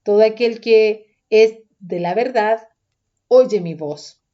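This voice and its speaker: A woman reading the part of Jesus as a grown man, slow and grave, softer and lower than her narration. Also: highs cut off, natural voice. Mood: solemn.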